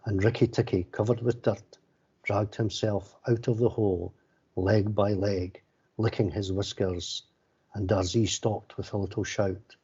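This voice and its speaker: A man's voice: on the low side, level tone, a little slow, mellow, breathy edge. A man reading a children's story aloud in a stiff, careful way, with little inflection. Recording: slightly dull, lo-fi sound.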